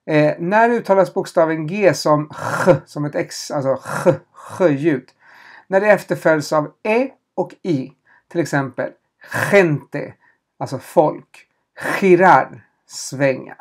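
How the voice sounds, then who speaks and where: A language teacher running a question-and-answer lesson, spelling out letters and repeating them patiently, with small hesitations while explaining. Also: medium pitch.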